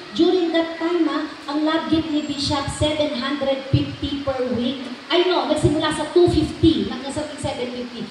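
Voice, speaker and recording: High-voiced Filipino woman preaching in an echoey hall. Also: noisy background. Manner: animated preaching, switching between Tagalog and English, with call-and-response "Amen?". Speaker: pastor. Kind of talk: sermon. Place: church hall. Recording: echoey church hall, mic far off.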